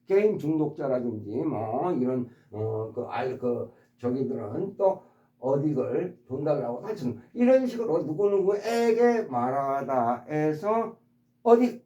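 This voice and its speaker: A man gives an explanatory English vocabulary lesson, politely addressing his subscribers while repeating each word and showing its stress patterns. His medium-pitched voice is sing-song, a little slow, and dark in tone. The sound is roomy, with the highs cut off.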